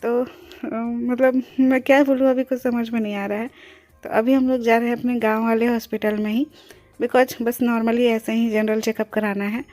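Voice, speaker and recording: A young, heavily pregnant woman narrates her day in an easygoing, chatty vlog, explaining each step to her viewers. Her voice sits a little high but stays level and mellow, with light music playing underneath. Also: level tone, normal speed. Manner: chatty, explains as she goes, mixes in English words. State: pregnant, near delivery. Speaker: vlogger.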